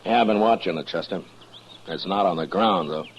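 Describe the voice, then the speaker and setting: An actor playing a calm, dry-humored frontier marshal in an old radio western, speaking in an easygoing, wry way, heard over AM radio. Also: male voice, low-pitched, brisk, slightly rough. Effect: old AM radio broadcast sound. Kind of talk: 1950s radio drama acting. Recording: muffled lo-fi old radio broadcast.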